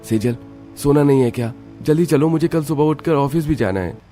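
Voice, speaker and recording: A man puts on a young cartoon husband, lifted well above his own low voice. He hurries his wife or calms his mother. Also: fairly quick, soft background music, close to an everyday voice. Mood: hurried. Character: young working husband and son.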